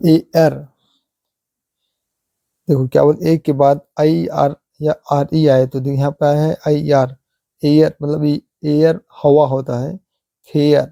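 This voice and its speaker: A man teaching English pronunciation, repeating example words slowly and asking rhetorical questions. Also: on the high side, little pitch movement, vocal fry, dark tone, no echo. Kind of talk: slow classroom explanation.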